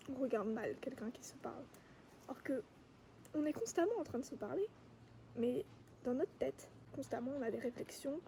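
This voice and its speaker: A woman vlogger giving a calm, reflective monologue outdoors among trees, sometimes dropping to a whisper. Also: on the high side, a little hiss or hum. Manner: calm, soft-spoken, sometimes drops to a whisper.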